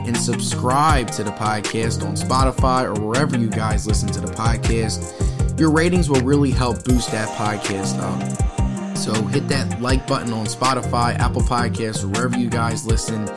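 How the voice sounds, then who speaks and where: A man's voice: medium pitch, moderate pace, loud music behind the voice. A man hosting a spiritual podcast over a video call, with an eager, upbeat manner, often repeating words and restarting sentences. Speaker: podcast host. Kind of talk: upbeat podcast intro and interview.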